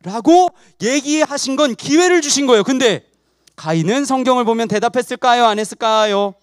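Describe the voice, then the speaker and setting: A man, a junior pastor, giving an animated sermon to children and asking them questions. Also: very high voice, brisk, no echo, clean studio sound.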